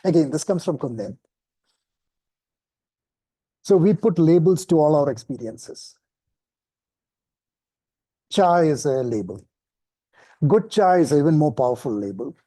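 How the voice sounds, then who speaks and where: Dark-voiced man giving a relaxed lesson. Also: fairly high pitch, a little slow, long pauses, dry recording. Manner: relaxed, self-deprecating, with chuckles and restarts. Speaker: meditation teacher. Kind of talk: informal spoken lesson.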